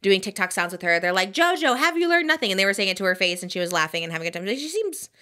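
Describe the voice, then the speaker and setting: A young adult woman hosting a podcast in casual chat, animated and full of "like" and "literally". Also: fairly low pitch, racing. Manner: animated, says "like" and "literally" often. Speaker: podcast host.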